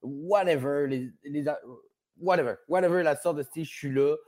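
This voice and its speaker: A man with a Québécois French accent, speaking in a fairly high, slightly mellow voice at a moderate pace, is a guest on a podcast. The casual conversation finds him rambling, playful, and swearing freely.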